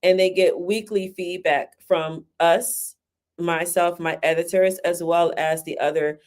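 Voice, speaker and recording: A woman who runs a book publishing service, giving an interview in a quick, casual way and often checking in with "right?". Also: on the low side, steady tone, darkish tone. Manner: talks fast, says "right?" often. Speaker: guest, book publisher and ghostwriter.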